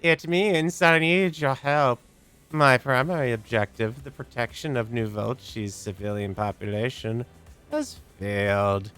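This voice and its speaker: A man voicing a solemn artificial intelligence from a video game in a deliberate, formal manner. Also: medium pitch, fairly even intonation, fairly bright tone, clean tone, natural voice. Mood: solemn, driven. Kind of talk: video game dialogue read aloud. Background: game music.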